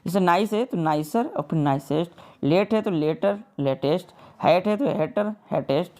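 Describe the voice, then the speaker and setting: A woman teacher gives a grammar lesson mixing Hindi and English, in a lowish voice with a dark tone. She drills lists of words, reads rules out slowly word by word, and keeps checking with "clear?".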